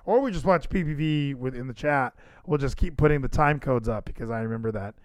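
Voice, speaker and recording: A man's voice: medium pitch, brisk, no room sound, studio quality. A man hosting a podcast livestream in casual chat, rambling and emphatic, repeating phrases for effect. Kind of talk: casual wrestling show chat.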